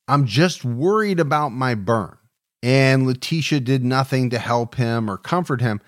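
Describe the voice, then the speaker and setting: Man, true crime podcast co-host, scripted narration, shifting emphasis, middle pitch.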